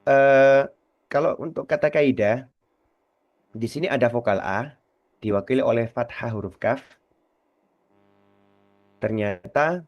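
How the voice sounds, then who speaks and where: A man teaching Quran recitation on a radio lesson, slow and patient, repeating words to demonstrate, his voice trailing off softly at the ends of phrases. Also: mid-range voice, no room sound, muffled recording.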